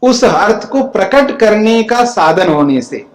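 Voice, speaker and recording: High-voiced male teacher in echoey hall. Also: big pitch swings, slow. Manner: reads Sanskrit lines, then explains each in plain speech; keeps checking that listeners follow. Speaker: spiritual teacher. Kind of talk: scripture commentary lecture. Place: ashram lecture hall. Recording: echoey hall with long reverb.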